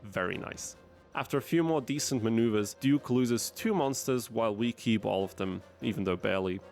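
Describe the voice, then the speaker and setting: A man's voice: lowish voice, normal speed, vocal fry, darkish tone, faint music behind. A man giving scripted gameplay commentary as a channel narrator, with wry, dry asides. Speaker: gaming video narrator.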